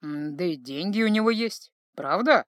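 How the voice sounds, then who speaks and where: Woman doing anxious fatherly manservant, lowered voice, halting, dry. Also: lively intonation, no echo, close to an everyday voice. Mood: hesitant. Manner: anxious, pleading, hesitant. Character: worried devoted older male butler, fatherly.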